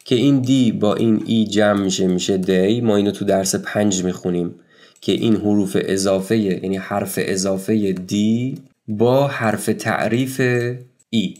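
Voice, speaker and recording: A man's voice: on the low side, steady tone, a little mellow. A man teaching a language in a casual video lesson, explaining step by step and translating each word, with conversational rhetorical questions.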